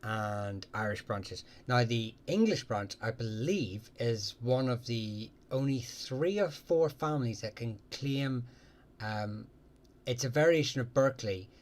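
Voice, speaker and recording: A man hosts a live Q&A stream, answering viewers casually and haltingly with many ums and restarts. His voice is medium-pitched and expressive.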